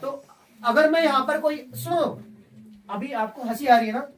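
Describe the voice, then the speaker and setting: Man teacher, lively classroom lecture, voice a bit far from the mic. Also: extremely high pitch, a little slow. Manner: lively, keeps checking if students understand; mixes Hindi with English terms, jokes with class.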